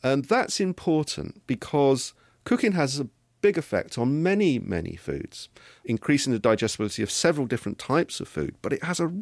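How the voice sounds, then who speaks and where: A middle-aged man, a genetics professor, answering interview questions in a measured, explanatory way. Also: medium pitch, very animated, no room sound, clean studio sound.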